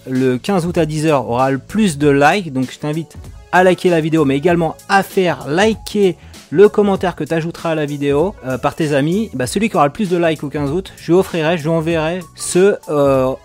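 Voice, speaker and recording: A man hosts a casual video tutorial, speaking directly to the viewer. His voice sits a little high, and he is chatty with the odd hesitation. Faint music plays underneath. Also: a little fast, a little mellow. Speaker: YouTube tutorial host.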